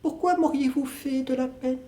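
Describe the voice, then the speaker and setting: A man's voice: very high-pitched, fairly even intonation, moderate pace, mellow, pitched above the performer's own voice. A man voicing an evasive tearful young woman. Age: young adult. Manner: hesitant, clipped denials. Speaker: student actor. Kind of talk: solo stage reading of a play. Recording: roomy echo.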